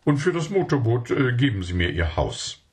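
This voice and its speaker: Ein Mann spricht einen schlauen, überredenden Verkäufer in einer Kindergeschichte, der eifrig um Geschäfte feilscht. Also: male voice, mid-range voice, very animated, pitched above the performer's own voice, lightly acted. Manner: wheedling, fast bargaining talk. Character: smooth-talking male salesman, scheming, persuasive.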